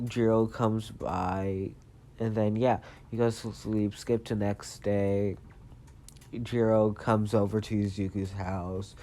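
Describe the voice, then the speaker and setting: A man's voice: on the low side, flat delivery, slow, dark tone. A man casually retelling a fan story, rambling with many fillers and self-corrections.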